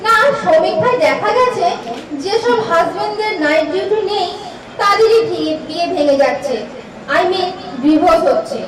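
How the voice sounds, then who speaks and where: A woman's voice: extremely high pitch, lively intonation, moderate pace, crowd noise. A young woman with an Indian Bengali accent playing a bold, teasing prospective bride in a light romantic comedy drama, chatty and bossy. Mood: inquisitive, pointed. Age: young adult. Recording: echoey room, distant mic, clear background noise.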